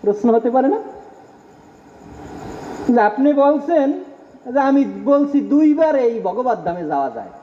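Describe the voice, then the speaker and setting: High-voiced man preaching in echoey hall. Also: sing-song, normal speed, pauses often, slight background noise. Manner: repetitive, emphatic, rising call-and-response. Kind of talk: devotional sermon. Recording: dull, echoey hall sound.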